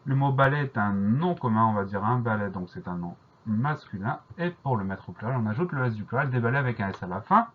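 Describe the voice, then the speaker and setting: Man, middle pitch, husky, patient spelling teacher, dull lo-fi recording. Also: lively intonation. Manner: slow, careful, repeats each spelling. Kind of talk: dictation lesson, spelling words letter by letter.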